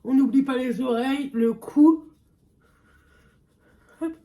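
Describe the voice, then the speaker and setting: In this clip a young woman beauty vlogger chats casually while testing makeup. Her voice is high-pitched and warm, and she speaks slowly, hesitating often and filling gaps with fillers.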